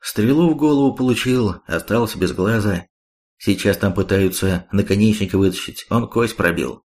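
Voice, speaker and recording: A man reading the part of a blunt, sharp-tongued male warrior in an audiobook. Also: lowish voice, normal speed, natural voice.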